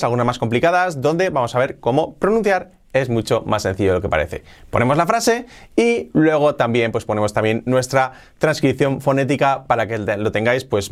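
A man with an accent from Spain, teaching an English pronunciation lesson online and repeating words slowly to drill each sound. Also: medium pitch.

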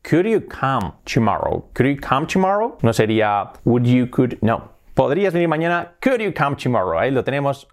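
Spanish teacher drilling English, lively pitch. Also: male voice. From Spain. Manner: slow, drawn-out repetition of example words. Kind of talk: video English lesson.

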